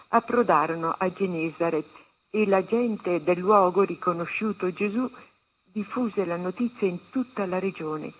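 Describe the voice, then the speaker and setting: A woman reading a meditation and a Gospel passage aloud on a religious radio program, in a measured, solemn way. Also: lowish voice, slightly rough. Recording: tinny phone-line sound.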